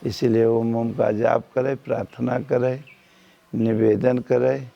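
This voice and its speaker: A man's voice: mid-range voice, level tone, slow pace, gravelly. A man with an eastern Uttar Pradesh accent giving a devotional sermon as a spiritual teacher, preachy and full of rhetorical questions. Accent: eastern Uttar Pradesh Hindi. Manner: preachy, asks rhetorical questions, chants verses. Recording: dull lo-fi recording.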